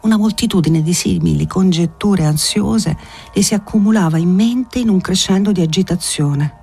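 A man narrating a literary audiobook in a measured, expressive storytelling manner. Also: on the high side.

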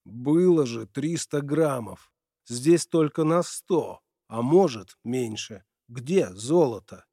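A man's voice: mid-range voice, expressive, slow, warm tone, no room sound, studio quality. A man doing a trembling, panicked father. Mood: distraught. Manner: trembling, pleading. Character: anxious middle-aged male engineer father.

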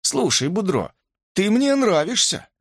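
A man's voice: high-pitched, big pitch swings, unhurried, husky, no room sound, clean studio sound, pitched above the performer's own voice, heavily acted. A man doing a sly, friendly older cowboy. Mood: coaxing.

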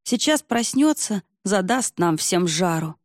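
A woman's voice: medium pitch, animated, unhurried, no room sound, clean studio sound, lightly acted. A woman voicing a grumbling, weary older village man in an audiobook.

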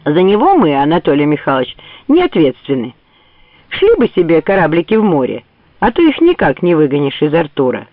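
A man's voice: a little high, wildly swooping pitch, fairly quick, no room sound. A man voicing a grumbling, sarcastic old general in a mocking way. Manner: sneering, mocking. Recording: tinny phone-like dry audio.

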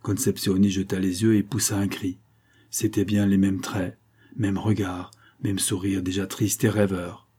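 A man narrating a classic novel in a dramatic, measured reading. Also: low-pitched, little pitch movement, warm tone, slightly rough. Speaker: audiobook narrator.

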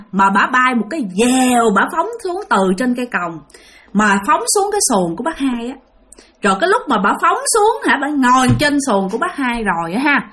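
A woman's voice: high voice, fairly bright tone. A woman narrating a ghost story in a conversational way, talking straight to her listeners. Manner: conversational, addresses listeners directly.

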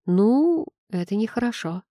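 A woman voicing a young woman's blunt, teasing best friend in a storybook reading, a little higher than her own voice. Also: lively intonation, unhurried, warm tone, no room sound, studio quality. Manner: blurting, cheeky.

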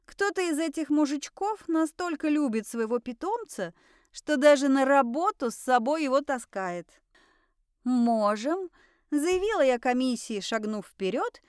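A woman narrating a first-person audiobook in a lively, ironic storytelling manner. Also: high voice, smooth, no room sound, clean studio sound.

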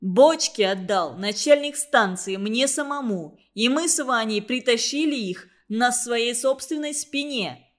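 A woman's voice: a little high, a little slow, natural voice. A woman voicing a confident, bossy young boy who speaks assertively.

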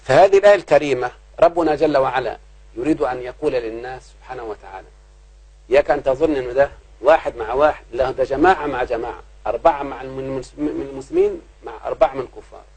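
A man's voice: medium pitch, rapid-fire, a little mellow, slightly rough, rough recording. A man with an Egyptian Arabic accent explaining grammar to his pupils, checking again and again whether they have understood. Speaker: grammar teacher.

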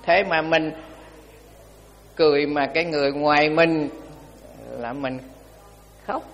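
A man's voice: fairly high pitch, steady tone, unhurried, long reverb tail, muffled recording. An older male Buddhist monk giving a dharma talk in a colloquial, repetitive, folksy way.

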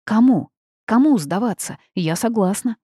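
Female reader doing a feisty young witch, hot-tempered, blunt, husky low voice, storybook. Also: big pitch swings, dark tone, dry recording, clean studio sound, heavily acted. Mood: flustered. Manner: quick-tempered, indignant outbursts.

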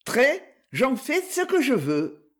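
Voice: sits high, wildly swooping pitch, slow, a bit bright, voice pushed up, heavily acted. Reader voicing a breezy evasive young wife. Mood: airy evasive.

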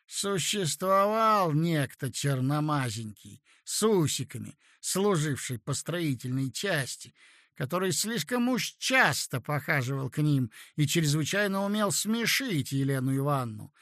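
High-voiced man reading a classic story. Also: measured pace, dry recording, studio quality. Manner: expressive, theatrical reading. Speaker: narrator.

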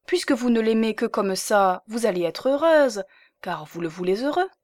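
A woman reading an audiobook, voicing a scheming young married woman who talks in a coaxing, lively way. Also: fairly high pitch, normal speed, dry recording, clean studio sound, natural voice.

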